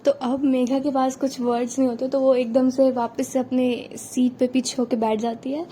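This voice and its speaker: A woman's voice: sits high, level tone, normal speed, warm tone, slight background noise. A woman storyteller narrating a romance in a chatty, conversational way. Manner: chatty, conversational retelling with fillers.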